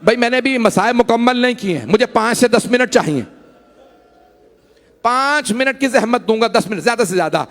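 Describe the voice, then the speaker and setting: A male cleric with a Pakistani Urdu accent delivering an impassioned mourning sermon to a congregation, building from narration to wailing shouts. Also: very high voice, lively intonation, a little fast, long reverb tail. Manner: dramatic, rising to wailing shouts. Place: large congregation hall.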